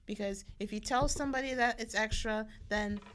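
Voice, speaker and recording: A woman co-hosting a casual podcast, chatting in a relaxed way about working as a server. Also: fairly high pitch, brisk, clean tone. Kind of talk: casual chat.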